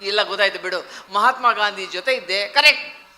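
A man's voice: very high voice, fast talker, bright, forceful tone, faint music behind. A male ventriloquist bantering as the straight man with his puppet in a stage comedy show.

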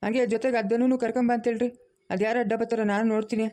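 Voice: medium pitch, fairly even intonation, very fast, a little mellow, lightly acted. A performer voicing a stern elderly grandfather in a cartoon family drama, scolding and commanding.

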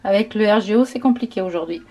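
A woman vlogging casually to camera, hoarse and out of breath, chatty and full of hesitant fillers. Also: medium pitch, fast, dark tone. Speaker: beauty vlogger. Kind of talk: casual vlog chat to camera.

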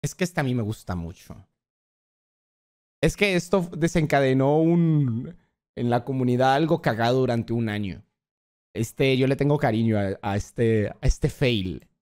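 A man's voice: mid-range voice, measured pace. A young man, a streamer reacting to clips in casual commentary, blunt and mocking. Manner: animated, blunt, swears and mocks playfully.

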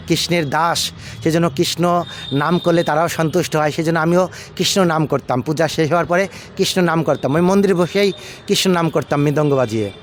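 Higher-voiced Indian monk telling stories. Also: male voice, a little hiss or hum. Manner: unhurried, repetitive, with many fillers and restarts. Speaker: ISKCON monk recounting his past. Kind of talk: casual storytelling talk.

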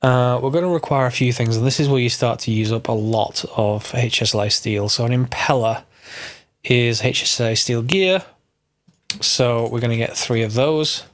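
Speaking at a moderate pace in a mid-range voice, a man narrates a Minecraft mod tutorial while stuffed up with a cold. He keeps it casual, reasoning aloud and catching his own slips along the way.

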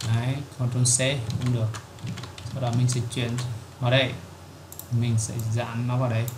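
A man, hosting a screen-recorded software tutorial and explaining it step by step with frequent filler words. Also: mid-range voice, completely flat delivery, normal speed. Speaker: tutorial host. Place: at a computer, recording his screen. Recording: echoey room with clear keyboard typing noise.

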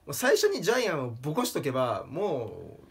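A man casually presenting joke pictures, laughing at his own gags and jumping into a strained high voice for punchlines. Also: brisk, gravelly, slightly rough. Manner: laughs at his own jokes, lively pitch swings. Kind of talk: casual comedic talk with laughter.

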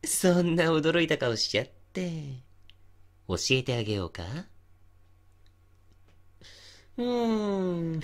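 A man playing an obsessive, possessive young stalker in an intimate ASMR voice drama, softly coaxing and teasing with menace. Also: a little high, big pitch swings, a little slow. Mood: menacing, taunting.

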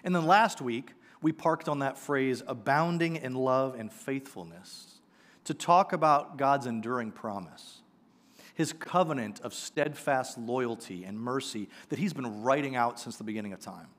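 A man in his forties, a pastor giving a conversational, animated sermon on a church stage with a headset mic. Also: mid-range voice, a little slow. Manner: conversational, animated preaching with gestures. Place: church sanctuary stage, indoors.

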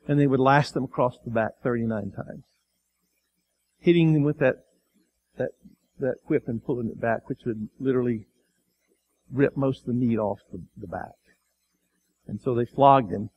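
A man with a Midwestern American accent preaching a sermon as pastor, acting out quoted voices and swinging between loud, raised lines and quiet, low ones. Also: husky. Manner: acts out the crowd and Pilate in quotes, sometimes shouting; drops to a quiet, low voice for emphasis.

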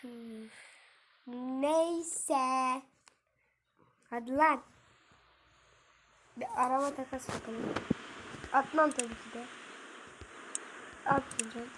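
A woman's voice: high voice, drawn-out words, pauses often, a bit bright, slight background noise. A woman giving casual gameplay commentary, muttering and cursing at the game and chatting to her viewers. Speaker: gaming streamer.

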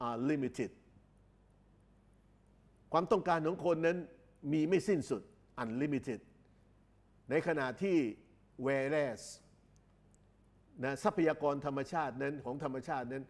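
A man lectures, pitched a bit higher than most men. He explains at an unhurried pace, repeats phrases and stretches out English words for clarity. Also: creaky, a little mellow. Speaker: English exam tutor. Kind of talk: recorded lecture.

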